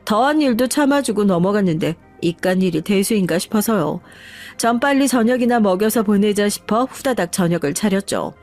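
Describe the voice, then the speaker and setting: A woman narrating a first-person family story in a calm, confiding, aggrieved tone. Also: medium pitch. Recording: faint background music.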